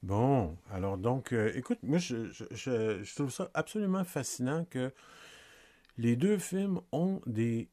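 A man's voice: mid-range voice, lively intonation, takes it slowly, warm tone, no echo. A man with a Quebec French accent co-hosting a podcast, talking casually about films with many restarts and fillers. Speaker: podcast co-host. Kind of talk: casual film discussion.

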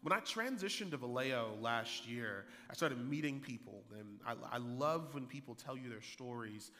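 Bright-voiced preacher in his thirties. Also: normal speed. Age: 30s. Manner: energetic preaching, rising loud and high for emphasis, repeats key lines. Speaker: pastor. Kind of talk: sermon. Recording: hall reverb.

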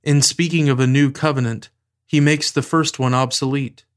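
Male officiant for prayers and scripture: solemn, measured, flat intonation, medium-pitched voice. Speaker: officiant leading daily prayer. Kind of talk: liturgical recitation of prayers and scripture.

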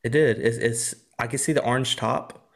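A young man chatting on a podcast, loose and easygoing, laughing between stories. His voice sits at an everyday middle pitch. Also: fairly even intonation, moderate pace, vocal fry. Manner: laughs often, chatty with frequent "like" fillers. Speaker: podcast co-host. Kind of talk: casual chat.

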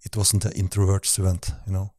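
A man's voice: low-pitched, monotone, a little fast, a little mellow, dry recording, studio quality. A man hosting a podcast, offering short agreements and musing asides. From Norway. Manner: brief backchannels, musing asides. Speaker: podcast host. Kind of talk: casual podcast conversation.

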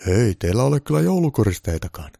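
A man voicing a calm, blunt old Santa Claus who speaks firmly and matter-of-factly, louder and a bit higher than his own voice. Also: creaky, husky, dry recording, full character voice. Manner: dry, matter-of-fact, firm.

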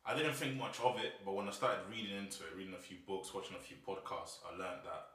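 Young london roadman guy, lowish voice, slang chat, says stuff twice, far off mic in echoey room. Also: steady tone, fast, bright, forceful tone. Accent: London roadman, multicultural London English. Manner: repeats phrases for emphasis. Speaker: podcast co-host. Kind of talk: casual podcast banter in street slang.

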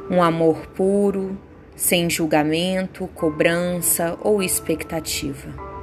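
Soothing, slow-paced woman guiding meditation. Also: lowish voice. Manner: slow, soothing, unhurried delivery with pauses. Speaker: meditation guide. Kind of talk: guided meditation with affirmations. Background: soft background music.

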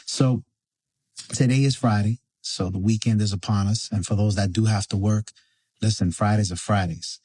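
A man's voice: lowish voice, fairly even intonation, moderate pace, darkish tone, breathy edge. A man hosting a podcast in casual live chat, informally slipping Spanish phrases into his English. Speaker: podcast host.

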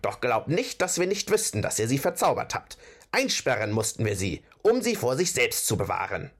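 A man voicing a small, pompous troll king who squeaks and shrieks with self-important airs. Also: very animated, normal speed, breathy edge. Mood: haughty. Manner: shrill, haughty, puffed-up.

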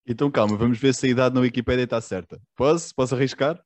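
Guy with a european portuguese accent doing a casual interview, slangy, mid pitch, very dry audio. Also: quick pace, a little mellow, dry recording. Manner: informal, slangy, repeats short agreements.

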